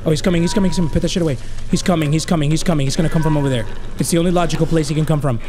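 A man's voice: a little high, fairly even intonation, rapid-fire, noisy background. A man in his thirties doing horror game commentary as a scared, jumpy streamer, swearing and slipping into Spanish slang.

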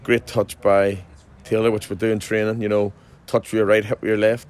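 Male football manager, 40s, low voice; loose post-match chat outdoors, lots of restarts. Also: flat delivery, a little fast, clear, resonant tone. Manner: chatty, frequent restarts and fillers. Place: outdoors at a football ground at night.

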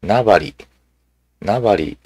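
Low-voiced man musing over online replies. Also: expressive, no room sound. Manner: musing, halting, with many fillers and asides. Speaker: commentator. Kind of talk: casual commentary, reading social media replies aloud.

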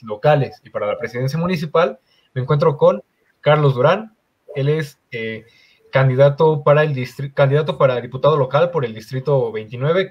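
A man's voice: mid-range voice, darkish tone, husky, dull audio. A man with a Mexican accent hosting a political interview, polite and formal, sometimes stumbling over words. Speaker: interview host. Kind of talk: conducting an interview.

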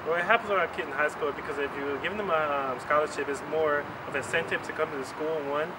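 A man's voice: fairly high pitch, fast talker. A young man from Milwaukee, a student answering interview questions outdoors, hesitant with many fillers. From Milwaukee, Wisconsin. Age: young adult. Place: outdoors by a brick building. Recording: distant mic with traffic noise.

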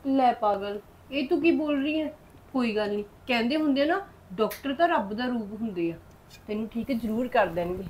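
A woman with a Punjabi accent playing a gentle daughter-in-law who soothes and pleads. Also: a little high, animated, normal speed, slight background noise, close to an everyday voice. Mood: soothing.

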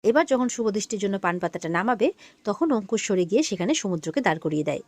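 A woman with a medium-pitched, expressive voice talks fast in a dry recording. She's casually recapping a TV serial episode, quoting characters' lines and sprinkling in fillers like "mane" and "iye" as she goes.

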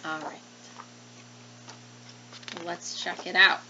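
With a lowish voice and a very slow pace, a woman in her thirties reads a picture book to young listeners as a teacher might, expressive and full of questions for them. Her manner is animated and pitched at children. She's indoors at a desk in a small room, recorded on a webcam that sounds somewhat dull, with faint noise.

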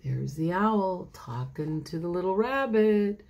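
A woman's voice: fairly low pitch, lively intonation, takes it slowly, darkish tone. A woman pastor reading a children's storybook aloud, chatting straight to the children and laughing often.

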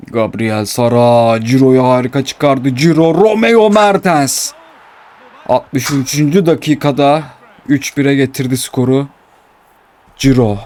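A man commentating his own football video game match, swinging between calm narration and excited, complaining outbursts. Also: mid-range voice, unhurried. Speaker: gaming YouTuber.

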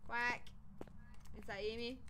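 A woman's voice: on the high side, flat delivery, unhurried, a crowd in the background. A woman streaming a ghost-hunting game, chatting casually and shrieking and laughing when startled. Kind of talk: casual gaming chat.

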